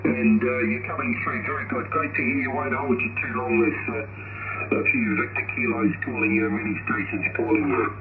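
A ham radio operator chatting in a relaxed, friendly way and spelling out call signs, heard over a shortwave radio link with static. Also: male voice, mid-range voice, normal speed, vocal fry. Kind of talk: ham radio contact chat. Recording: tinny, echoey shortwave radio with loud static.

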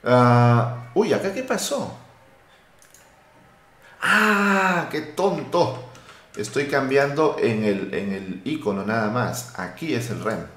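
Man, live coding tutorial, lively, thinks aloud, roomy echo. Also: mid-range voice, slow pace. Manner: lively, thinks aloud while typing code. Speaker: web development instructor.

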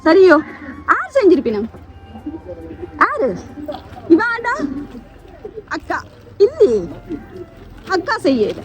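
A woman's voice: very high-pitched, huge pitch swings, slow pace, long pauses, over music. A woman with a Sri Lankan Tamil accent, presenting a surprise delivery and teasing a family with coaxing questions. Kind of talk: lively on-the-spot chat with a family.

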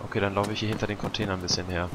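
A man talking low-key while playing a game with friends, often mumbling and trailing off. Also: flat delivery, racing, noisy background. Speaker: gamer. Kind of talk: casual gameplay chat.

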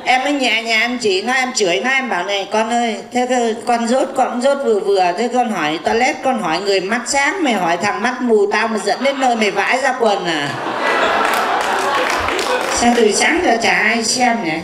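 A man's voice: high voice, normal speed, reverberant, noisy background, close to an everyday voice. A man playing a boastful, cheeky blind fortune teller in a comic stage sketch, with a rambling, mocking way of talking. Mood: chatty. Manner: rambling, mocking, gossipy banter.

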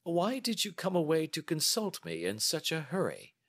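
A man's voice: fairly high pitch, huge pitch swings, moderate pace, fairly bright tone, no room sound, studio quality, voice pushed up, heavily acted. A man voicing a self-assured, analytical male detective in an audiobook. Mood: probing. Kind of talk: audiobook character dialogue.

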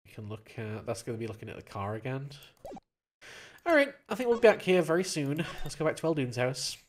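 Lively gamer reading dialogue aloud. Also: brisk. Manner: playful, jumps into higher character voices. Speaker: let's play gamer. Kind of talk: reading game dialogue aloud with playthrough commentary.

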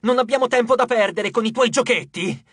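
A man's voice: extremely high pitch, fairly quick, fairly bright tone, slightly rough, no echo, studio quality, voice pushed up, full character voice. A man voicing an angry, defiant teenage boy, son of the underworld god, speaking in a raised, strained voice.

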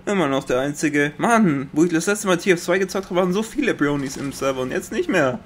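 A young man with a Bavarian accent giving excitable Let's Play commentary, swearing often and making sound-effect noises. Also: a little high, fast talker, a little hiss or hum. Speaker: gaming commentator.

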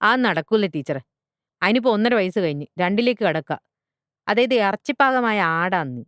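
A blunt, earthy village butcher, as a woman reads him aloud, pitched well above her own voice and talking loudly and fast. He speaks from a dry, close recording. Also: clean tone, dry recording, lightly acted. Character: blunt middle-aged village butcher man. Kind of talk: storybook character voice.

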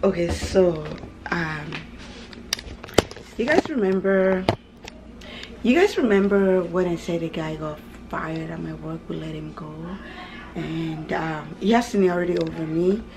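Speaking unhurriedly in a fairly low voice, this family vlogger and mother, in her thirties, chats to a camera she holds at arm's length. She's indoors in a small home kitchen, repeating herself and drifting off into side remarks.

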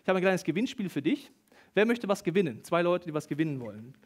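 A man preaching a lively sermon to a congregation, reading Bible passages and acting out the quoted voices. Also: sits high, fast talker, slightly rough. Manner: animated, acts out quoted voices, talks directly to the congregation. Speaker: pastor. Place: church service hall with an audience. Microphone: stage microphone.

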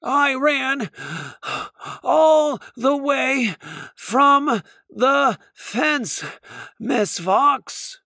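A man voicing a small young male squirrel in a storybook, croaking and out of breath. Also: very high-pitched, extremely slow, sharp tone, no echo, studio quality, pitched above the performer's own voice, exaggerated voice. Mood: breathless.

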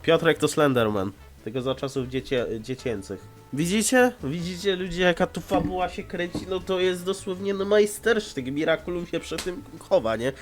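A man's voice: high voice, moderate pace, soft background music. A man with a slightly stuffed-up, nasal voice giving casual, blunt and sarcastic reaction commentary. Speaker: host of a reaction video.

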